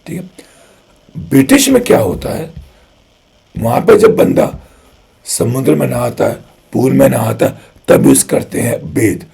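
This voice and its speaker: A man's voice: medium pitch, unhurried, gravelly, pauses often. A man with an Indian accent teaching spoken English, who explains patiently, repeats his key phrases and keeps asking rhetorical questions. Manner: chatty and lively, asks rhetorical questions.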